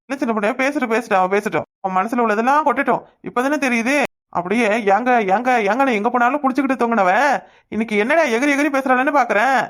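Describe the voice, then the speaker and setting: A woman's voice: a little high, fast talker, natural voice. A woman voicing an irritable, dismissive husband in a cartoon, talking brusquely and ordering others about. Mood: irritated, dismissive. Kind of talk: cartoon voice acting.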